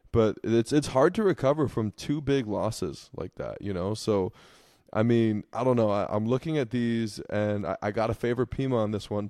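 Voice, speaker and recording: A man's voice: lowish voice, mellow, no room sound, studio quality. A man co-hosting a sports podcast, giving laid-back, casual analysis full of fillers. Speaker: podcast co-host.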